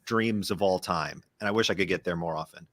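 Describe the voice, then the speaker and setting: A man's voice: sits low, brisk, a bit bright, dry recording. Man chatting on a dry mic. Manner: chatty, many fillers and self-aware asides. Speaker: podcast co-host. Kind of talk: casual chat.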